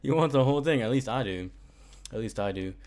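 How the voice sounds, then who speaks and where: A young man talks his way through a solo podcast, rambling from topic to topic and tossing in jokes and asides. His voice is smooth and clear, sitting at an ordinary middle pitch for a man. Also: fast talker. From United States. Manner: rambling, joking, animated asides. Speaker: podcast host. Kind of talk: casual solo chat.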